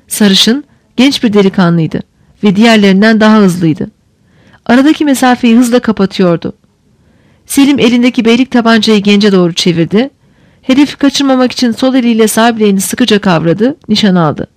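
A woman's voice: a little high, no echo. Woman narrating a tense novel, dry. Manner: steady, measured storytelling. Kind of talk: scripted audiobook narration.

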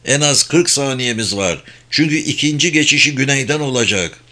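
A man voicing a tough male soldier who talks in a brisk, commanding way in an audiobook. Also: medium pitch, animated, sharp tone, voice pushed up. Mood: urgent.

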